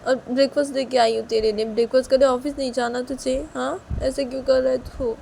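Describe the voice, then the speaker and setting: A woman's voice: brisk, a little mellow, a little hiss or hum, lightly acted. A woman voicing a worried middle-aged mother who scolds and pleads with her grown child. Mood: nagging. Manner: shrill, pleading, nagging.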